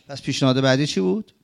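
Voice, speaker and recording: A man teaching a sermon-style commentary on scripture, asking rhetorical questions and swinging between emphatic high phrases and low murmured ones. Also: creaky. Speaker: religious teacher.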